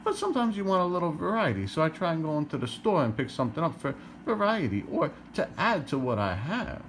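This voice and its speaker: A man's voice: on the high side, very animated, fast, fairly bright tone, slight background noise. A middle-aged man from New Jersey ranting to camera, exasperated, firing rhetorical questions and repeating himself. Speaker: vlogger.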